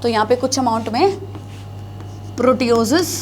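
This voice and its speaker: Lady teacher lecturing at a board, high voice, keeps asking the kids stuff and repeats terms, faint room hiss. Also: animated, normal speed, a little mellow. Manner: asks the students questions and answers them herself; repeats key terms, mixing Hindi with English. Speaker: biology teacher. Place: classroom, writing on a board.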